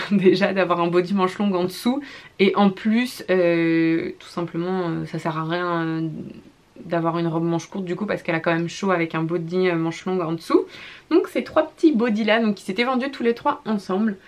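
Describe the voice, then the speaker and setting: Gushing young mum vlogger. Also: female voice, fairly low pitch, fairly even intonation, moderate pace. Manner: gushing, repeats "trop, trop" and fills with "euh". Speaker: vlogger, mother showing a baby clothing haul. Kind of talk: casual haul vlog.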